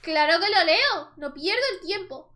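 Young woman, Spain Spanish accent, very high voice, let's play commentary, chatty. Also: lively intonation, moderate pace, sharp tone. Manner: chatty, exclaims at the screen and addresses viewers. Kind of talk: casual gameplay commentary.

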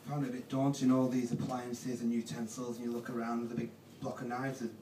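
A young man doing stand-up in a halting, deadpan way full of ums. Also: medium pitch. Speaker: stand-up comedian. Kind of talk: stand-up comedy set. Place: comedy club stage. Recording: roomy live club, distant mic, noisy.

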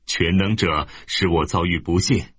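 A man's voice: low voice, normal speed, a bit bright, husky, no echo. A man reading the lines of a grieving, bitter older widowed woman in a sorrowful tone.

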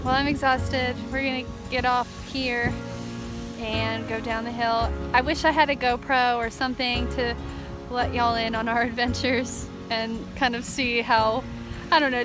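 Talking to camera at arm's length, this twenty-something American vlogger is casual and animated whether she's in her car, at home, or out on a ski slope after dark. She speaks in a fairly high voice with mostly even intonation and a slightly slow delivery, with music underneath.

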